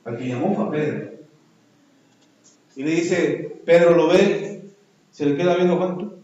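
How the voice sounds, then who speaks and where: A man, preaching a sermon in a church with animated, dramatic delivery and acted-out voices. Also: a little high, measured pace, lo-fi sound. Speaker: pastor. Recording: echoey church hall.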